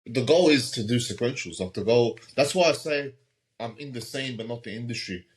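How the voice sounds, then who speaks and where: A man's voice: mid-range voice, a little fast, poor audio. A man, a guest in a casual interview, talking thoughtfully with many ums and repeated words. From Australia. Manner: thoughtful, hesitant, repeats words and says um often. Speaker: guest comic artist.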